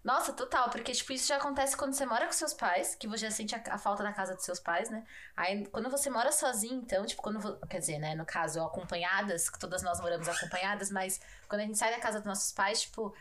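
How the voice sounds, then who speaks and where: A woman's voice: medium pitch, quick pace, hardly any pauses, a bit bright. A woman with a São Paulo accent co-hosting a casual chat, slangy and full of fillers. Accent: São Paulo Brazilian Portuguese. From São Paulo state, Brazil. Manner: slangy, fills speech with "tipo" and "né". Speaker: podcast co-host.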